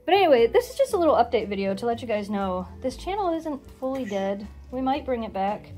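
A woman's voice: fairly high pitch, brisk, faint music behind. A woman in her forties chatting playfully to camera while filming in her home kitchen. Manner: chatty and playful, lively rising questions. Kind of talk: casual chat to camera.

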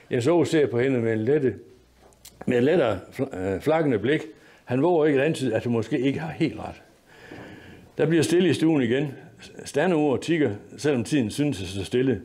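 A man's voice: medium pitch, expressive, mellow. A man reading a humorous story aloud at a lecture, narrating in a dry, wry way.

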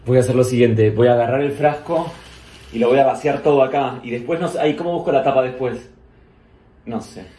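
A medium-pitched, mellow voice moves fairly quickly through an echoey room as this Argentine vlogger in his thirties addresses his followers. Mostly in his kitchen at home, he speaks casually yet dramatically, with exclamations and frequent repetition. The recording is a noisy handheld phone capture from varying short distances.

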